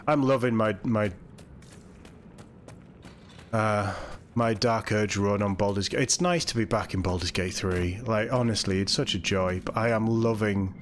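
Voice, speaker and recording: A young man live-streaming a video game, chatting excitably with viewers and reacting as he plays. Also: on the low side, a little slow, a little hiss or hum. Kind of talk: casual live-stream chat.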